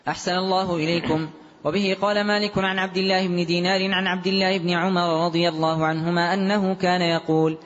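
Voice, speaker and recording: A man reading a classical text aloud as a student, in a rapid, even recitation with occasional chanted tones. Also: high voice. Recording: dull lo-fi recording in a long-reverb hall.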